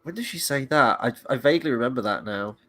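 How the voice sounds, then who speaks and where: A man co-hosting a casual podcast chat, guessing quotes in an animated, jokey way. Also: mid-range voice, fast. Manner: animated, jokey, slips into mock voices.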